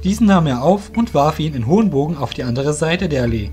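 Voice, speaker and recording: A man with a fairly high voice for a man narrates a scripted fantasy audio drama at a quick pace. His delivery is expressive and a little mellow, with faint music playing behind him.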